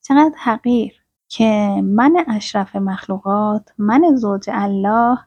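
A woman giving a reflective spiritual talk, speaking in a soft, measured way and weaving in recited verses. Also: mid-range voice, husky, no echo, highs cut off. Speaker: spiritual teacher.

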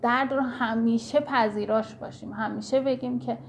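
A woman's voice: a little high, fairly even intonation, slight background noise. A woman giving an earnest spiritual teaching talk, speaking directly to her listeners in an instructive way.

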